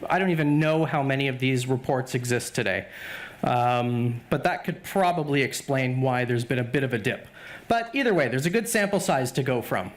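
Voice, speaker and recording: A middle-aged man giving a conference keynote to a live audience, conversational and often asking the audience questions. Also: fairly high pitch. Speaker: keynote speaker.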